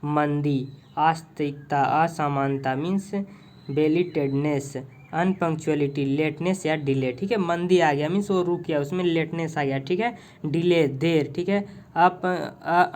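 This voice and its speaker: Speaking in a fairly high, steady, darkish voice, an Indian-accented man explains English words in Hindi during a relaxed vocabulary lesson. He keeps saying "ठीक है", poses questions only to answer them himself, and frequently stops with hesitant fillers while hunting for a word. A phone on a tripod with a mic captures him.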